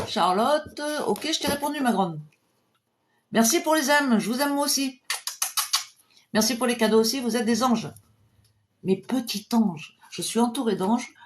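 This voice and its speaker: Cheerful chatty woman clairvoyant. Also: slight background noise. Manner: cheerful and chatty, drops to a low murmur for invocations. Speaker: clairvoyant doing pendulum readings. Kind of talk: live-stream reading of viewers' questions.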